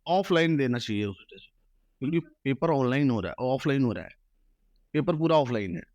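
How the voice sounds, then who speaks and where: A man's voice: mid-range voice, animated, a little fast, a little mellow, no room sound, dull audio. A man who teaches maths, giving earnest advice to exam students in an interview. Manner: earnest, advising students directly. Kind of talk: interview answers.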